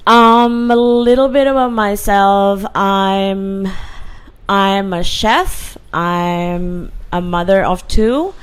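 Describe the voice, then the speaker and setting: A woman's voice: medium pitch, extremely slow, smooth. A woman, a guest telling her story earnestly with fillers and restarts. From Indonesia. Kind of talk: casual interview.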